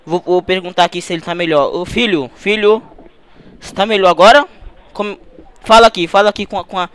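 A man's voice: sits high, fairly quick, fairly bright tone, clear, resonant tone. A man with a Brazilian accent making a prank call, playing a frantic, worried father. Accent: Brazilian Portuguese. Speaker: prank caller.

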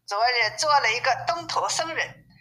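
A woman's voice: high-pitched, moderate pace, sharp tone, soft background music, pitched above the performer's own voice, poor audio. A woman voicing a boastful, haughty male turtle-dragon river demon in a storybook reading. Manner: haughty, then pleading.

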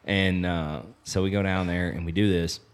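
A low, clean-toned male voice with a steady tone and normal speed. He's in his thirties, an apparel co-founder appearing as a podcast guest in a lodge, and he tells his story in a rambling, loose way with plenty of filler during casual chat.

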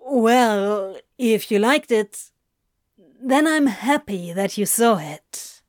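Woman doing a flustered male demon, blunt, clipped, offhand, unhurried, fairly high voice. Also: expressive, a little mellow, no room sound, studio quality. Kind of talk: fan audiobook reading.

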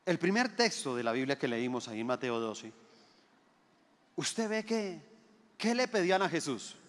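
Male preacher, high pitch, emphatic and repetitive, big echoing hall. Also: sing-song, normal speed, a bit bright. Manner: emphatic, repeats phrases, asks the crowd rhetorical questions. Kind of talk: sermon. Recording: long hall reverb.

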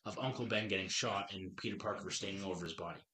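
A man's voice: low voice, fast, bright, forceful tone, slight background noise. Eager rambling man in his thirties. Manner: eager, rambling, with frequent restarts. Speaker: podcast host. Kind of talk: casual movie review chat.

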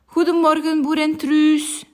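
An eager, bumbling village policeman from a children's storybook, put on by a woman reading aloud. He talks high and excitably, raising the alarm loudly. The delivery stays slow and careful. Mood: excited.

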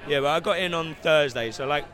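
A man with an English accent, an actor from London, chatting in an outdoor red-carpet interview with relaxed, dry humor. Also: a little high, quick pace. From London, England. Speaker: actor, guest. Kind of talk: casual interview chat.

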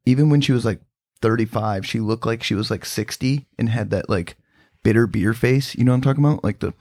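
A man's voice: medium pitch, a little fast, a little mellow. A man telling rambling stories on a casual podcast, full of fillers and swearing. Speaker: podcast co-host. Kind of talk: casual storytelling chat.

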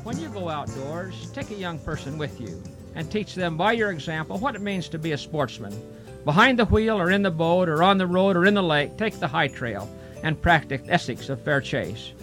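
A man delivers a calm, earnest closing message in a fairly high voice. Soft music plays quietly underneath him. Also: normal speed. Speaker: radio show host. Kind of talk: scripted sign-off. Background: faint music.

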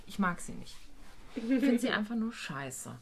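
A woman's voice: on the high side, big pitch swings, unhurried, slightly rough. A woman telling a story from her work as a care worker in a casual chat. She is blunt, swears, and acts out the dialogue. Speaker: guest recounting a work trip; care worker with a residential group.

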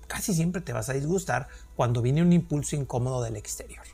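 A man's voice: mid-range voice, a little fast, vocal fry, mellow, breathy edge, soft background music. A man hosting a solo podcast, explaining ideas earnestly and asking rhetorical questions. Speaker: podcast host. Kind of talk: reflective solo podcast talk.

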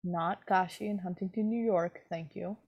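A young woman with a slightly low voice talks through a book in a loose, chatty way. She mocks herself and laughs often. Her voice sounds close and dry. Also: steady tone, normal speed, slightly rough, dry recording, dull audio. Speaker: podcast co-host discussing a book. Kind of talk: casual chat.

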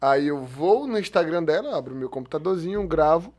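A man talks as a show guest. His voice is high, and the style is casual, conversational chat. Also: lively intonation, brisk, a little mellow. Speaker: talk show guest, actor.

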